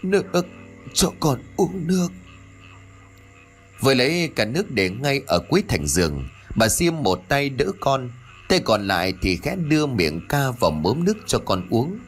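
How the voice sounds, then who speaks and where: A man narrating a ghost story in a dramatic, expressive way. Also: medium pitch, moderate pace, breathy edge. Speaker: audiobook narrator. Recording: soft background music.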